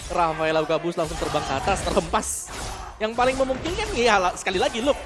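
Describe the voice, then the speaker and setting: A man's voice: sits high, quick pace. An Indonesian man giving analytical commentary as an esports caster. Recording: music behind the voice. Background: music.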